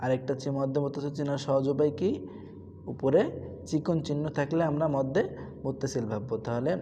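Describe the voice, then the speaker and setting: Guy teaching quran recitation, mellow low tone, long echo around him. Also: a little hiss or hum. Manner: asks questions and answers them himself, repeats syllables. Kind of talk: tajweed lesson with recitation drills.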